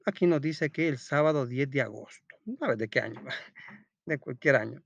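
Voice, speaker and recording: Reading a children's school lesson aloud like a teacher, a man tells the story and walks through it step by step, posing questions and then answering them. His medium-pitched voice has lively intonation, a moderate pace, and vocal fry. The audio is dull, with no echo.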